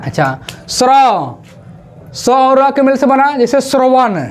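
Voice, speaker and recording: A woman teaching Hindi grammar for exams, asking questions and drilling the pronunciation of each word slowly. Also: high-pitched, lively intonation, a little hiss or hum. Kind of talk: exam-prep classroom lesson. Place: classroom with a board.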